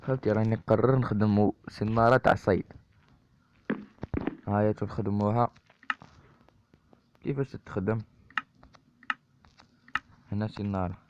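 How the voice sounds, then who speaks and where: Speaking at a moderate pace with frequent pauses, a lowish-voiced man with an Algerian Arabic accent gives chatty let's-play commentary. He's a gaming YouTuber who talks straight to viewers as brothers, and his dull lo-fi mic carries a constant hiss.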